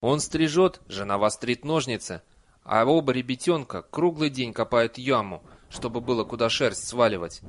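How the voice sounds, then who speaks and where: A man reading an audiobook voices a nervous, simple peasant man who rambles loudly in rustic speech. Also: medium pitch, expressive, normal speed, natural voice. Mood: agitated.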